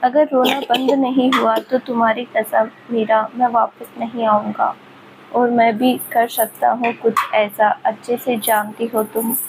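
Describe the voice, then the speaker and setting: A woman's voice: on the high side, little pitch movement, unhurried, background noise. A woman voicing a serious young man who blames himself in an earnest, grave tone in a storybook reading. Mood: stern. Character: serious young man, hurt and self-blaming.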